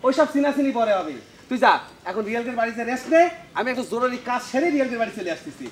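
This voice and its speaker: A brisk, dismissive man in a TV drama hurries an old friend along. He talks quickly in a very high voice. There is echo and faint background noise around him. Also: expressive. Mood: brusque. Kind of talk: TV drama acting.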